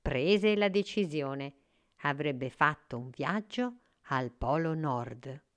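A woman narrating a children's story gently and carefully. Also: sits low, expressive, slow pace, smooth.

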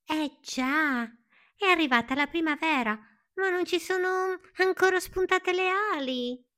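A woman voicing a lively, bouncy female caterpillar full of ideas, talking in an excited, high, exclaiming way. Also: unhurried, heavily acted.

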